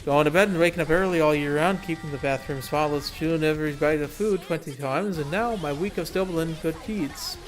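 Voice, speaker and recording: A man's voice: a little high, brisk, few pauses, natural voice. A man reading aloud the lines of a determined, gung-ho young racer girl from a game story, with faint music behind. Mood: earnest. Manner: earnest, gung-ho, read aloud plainly.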